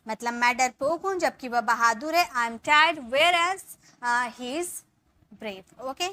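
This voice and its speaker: Young woman, English teacher; high, bright voice; slow, deliberate dictation. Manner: slow dictation of example sentences, trailing off softly at sentence ends. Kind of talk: spoken English lesson.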